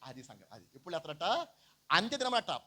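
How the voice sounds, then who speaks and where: Male pastor, high voice, storytelling sermon with rhetorical questions and acted-out quotes. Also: sing-song, fast talker, bright, forceful tone. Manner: preaches with rhetorical questions and fond asides to listeners; acts out quoted people mid-story.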